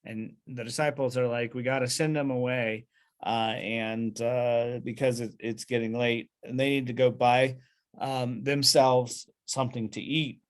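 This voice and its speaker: A man's voice: medium pitch, level tone, a little slow. Man leading a Bible study over video call. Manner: explains with many fillers and restarts, asks the group questions.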